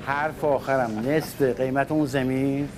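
A man's voice: mid-range voice, steady tone, music in the background, close to an everyday voice. An actor playing a bitter man who bluntly demands his share of a land deal. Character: aggrieved land claimant Ganji, bitter and blunt. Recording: background noise.

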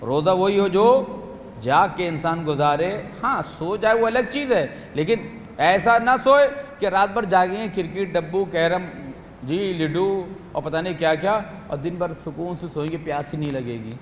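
A man preaching to a gathering, animated, acting out little scenes and asking the audience questions, rising loud and dropping soft. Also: high-pitched. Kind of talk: religious talk to young people at a retreat. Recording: echoey hall with faint room noise.

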